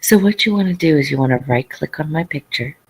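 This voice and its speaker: A man's voice: a little high, lively intonation, fast, slightly rough, low-quality recording. A man chatting casually and jokingly as a second voice on a talk show. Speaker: co-host or guest. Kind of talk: casual chat.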